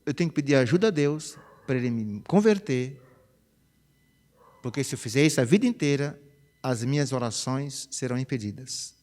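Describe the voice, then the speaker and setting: A pastor, preaching a chatty, conversational sermon. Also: male voice, mid-range voice, moderate pace. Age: 50s. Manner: chatty, animated, peppers phrases with "né?". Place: church sanctuary. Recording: reverberant church hall.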